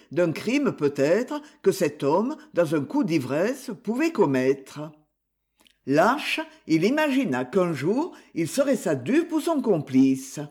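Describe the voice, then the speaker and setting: A man narrating a classic novel as an audiobook, in a measured and expressive way. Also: high voice, breathy edge. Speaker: audiobook reader.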